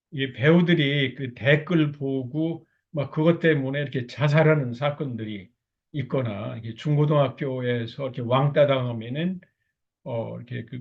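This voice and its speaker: A middle-aged man lecturing on marriage counseling, explaining patiently, posing rhetorical questions and padding phrases with fillers. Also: medium pitch. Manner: frequent filler "like this" between phrases. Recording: dull lo-fi lecture recording.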